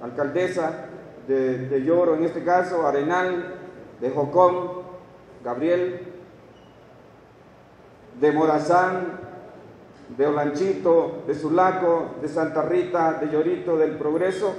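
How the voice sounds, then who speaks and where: A middle-aged Honduran man stands at a lectern in a large hall and reads out town after town in a formal speech. His voice sits fairly high for a man. The hall adds a long, echoing reverb, and the lectern mic picks him up from some distance away. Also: steady tone, slow, pauses often, darkish tone, a little hiss or hum. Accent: Honduran Spanish. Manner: reads long lists of towns and names from a page, with asides. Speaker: official speaker at a graduation ceremony. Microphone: lectern microphone. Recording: echoey hall recorded from a distance.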